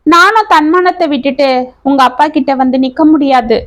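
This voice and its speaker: A woman's voice: sits high, a little fast, close to an everyday voice. A woman voicing a proud, honest village uncle.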